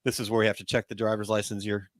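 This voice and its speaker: A man's voice: fairly low pitch, level tone, very fast, no echo, clean studio sound. A man co-hosting a show, interviewing a guest in a playful, teasing way. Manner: playful, laughs often, teasing. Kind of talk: casual interview chat.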